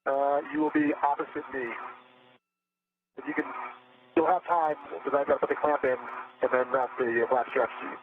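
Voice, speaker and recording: A man's voice: medium pitch, steady tone, a little fast, long pauses. A man, a spacewalking astronaut, heard over a radio link, speaking in clipped procedural phrases. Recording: narrow radio line with faint static.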